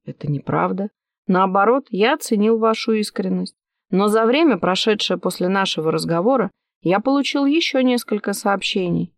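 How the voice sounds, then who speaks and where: A cool, probing middle-aged detective, read by a woman narrating an audiobook. He asks his questions in a measured, level way and never raises his voice. The sound is dry and close. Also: medium pitch, lively intonation, no echo, close to an everyday voice.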